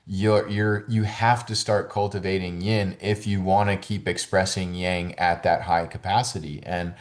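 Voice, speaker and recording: A man who works as a holistic fitness coach, chatting as a podcast guest in a loose, rambling way full of "like" and "you know", and livening up when he gets excited. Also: low-pitched, measured pace. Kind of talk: casual conversational interview.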